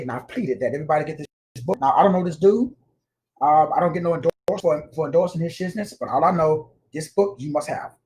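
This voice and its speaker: Animated, slangy man preaching. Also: fairly high pitch. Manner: animated, slangy and emphatic, repeats words for stress. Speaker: spiritual teacher. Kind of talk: informal preaching lecture.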